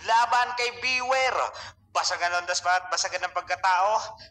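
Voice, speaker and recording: A man's voice: high voice, normal speed, sharp tone, reverberant, recorded from a distance, soft background music. A man hosting an online rap battle, hyping the crowd and counting down the rounds. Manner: hyped announcer, counts down rounds. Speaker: host.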